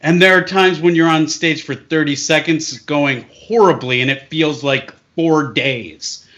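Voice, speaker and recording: A man guest musing slowly and building up a joke in casual chat. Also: a little high, a bit bright, muffled recording.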